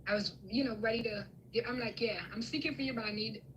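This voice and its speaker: A woman from Guyana, a guest on a live video call, gives a fervent, emotional spiritual testimony, repeating herself as she preaches. Her fairly high voice moves fast, and the low-quality recording has a little hiss or hum.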